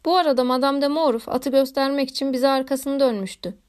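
Woman narrator, audiobook of a classic novel, measured literary reading, high voice. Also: a little mellow. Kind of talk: scripted narration.

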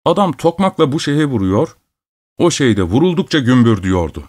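Male storyteller, mid-pitched voice, calm measured scripted narration of a folk tale.

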